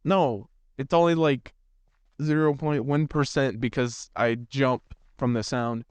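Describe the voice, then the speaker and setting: A man's voice: medium pitch, fairly even intonation, unhurried, smooth, no room sound. A teenage boy hosting a gaming channel, telling a rambling, self-deprecating story in casual chat with lots of restarts. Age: teens.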